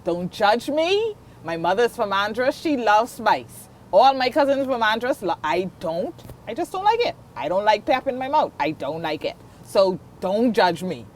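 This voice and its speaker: A woman's voice: mid-range voice, very animated, normal speed, slight background noise. A Bahamian woman guest on a talk show, chatting casually as she explains a recipe step by step. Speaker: guest cook. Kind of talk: casual chat.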